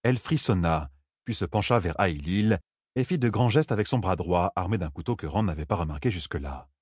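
A man reading a fantasy audiobook aloud with measured, dramatic delivery. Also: deep voice, animated, a little mellow, husky, no room sound, clean studio sound. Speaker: audiobook narrator.

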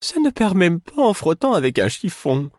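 A man's voice: high voice, very animated, moderate pace, a little mellow, no room sound, clean studio sound, pitched above the performer's own voice. A man doing a plaintive wounded jester.

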